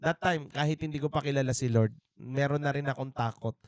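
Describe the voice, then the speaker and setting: Speaking at a brisk clip with a medium, slightly mellow pitch, this Filipino podcast co-host in his thirties shares his faith story openly. He moves between Tagalog and English, earnest and reflective, often restarting and using fillers. There's no room sound in the indoor studio.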